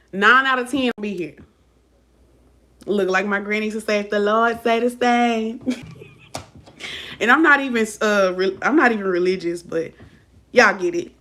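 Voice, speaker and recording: A woman's voice: medium pitch, a bit bright. A woman tarot reader chatting casually on a live stream, blunt and profane, laughing often and talking straight to her viewers. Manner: talks straight to viewers, addressing them as y'all.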